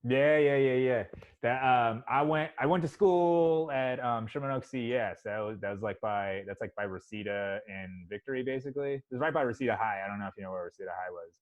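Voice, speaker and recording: A man's voice: mid-range voice, fairly quick. A man hosting a podcast, chatting in a rambling, profane way with lots of "you know". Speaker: podcast host. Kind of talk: casual podcast chat. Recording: slightly dull sound.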